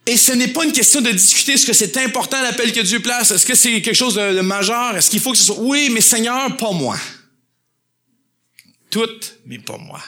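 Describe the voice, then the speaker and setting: Québécois pastor guy preaching, high bright voice, swings up and down a lot, hammers words over and over. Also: normal speed. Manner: animated preaching with acted quotes and emphatic repetition. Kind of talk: sermon.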